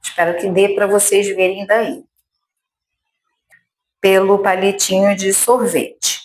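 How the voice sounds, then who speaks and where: A woman's voice: medium pitch, little pitch movement, a little mellow. A Brazilian woman teaching speech therapy, demonstrating at a table, patiently drawing out syllables and checking in with the viewer. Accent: Brazilian Portuguese. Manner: slow and patient, syllables drawn out, frequent check-ins with the viewer. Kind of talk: slow, deliberate instructional demonstration. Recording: echoey room with faint noise.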